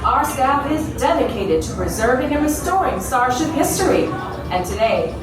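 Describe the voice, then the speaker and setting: Woman as high-voiced starship museum tour guide. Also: big pitch swings, moderate pace. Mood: welcoming, formal. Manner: formal, welcoming presenter delivery. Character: cheerful, reassuring young female starship museum tour guide. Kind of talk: scripted theme-attraction tour narration. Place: echoing indoor attraction, recorded from afar. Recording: echoey, distant, loud music behind.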